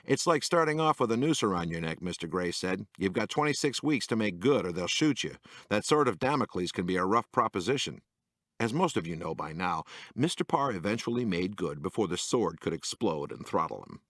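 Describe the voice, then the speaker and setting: A man with a low, sing-song voice reads a humorous magazine essay aloud in scripted narration, fairly quick and a bit bright, with no room sound. His delivery is dry and wry, lifting for each quoted voice.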